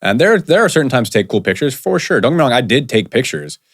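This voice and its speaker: A man's voice: medium pitch, very animated, fast, fairly bright tone, dry recording, clean studio sound. A man hosting a podcast in casual conversation, chatty and rambling with lots of fillers and restarts. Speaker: podcast host.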